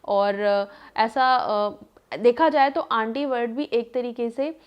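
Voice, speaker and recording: A woman's voice: fairly high pitch, slow pace, clean tone. A woman in her thirties telling a personal story in a casual, chatty way, with many fillers and acted-out quotes. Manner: chatty, lots of fillers, acts out quoted voices. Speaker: vlogger.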